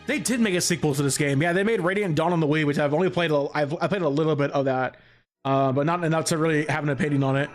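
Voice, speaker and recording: A man's voice: fairly high pitch, quick pace, faint music behind. A man doing casual, goofy live commentary while streaming a video game. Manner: goofy, joking, breaks into silly voices.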